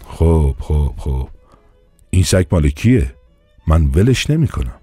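A man's voice: very deep voice, sing-song, mellow, husky, no room sound, faint music behind, exaggerated voice. A man voicing a pompous, bullying police inspector in an audiobook, blustering and commanding. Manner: blustering, commanding, quick to turn. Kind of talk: audiobook character voice.

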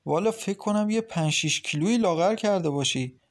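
A man voicing a cheerful teenage schoolgirl who comforts her sister-in-law in a lively, reassuring way in an audiobook. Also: high voice, pitched above the performer's own voice.

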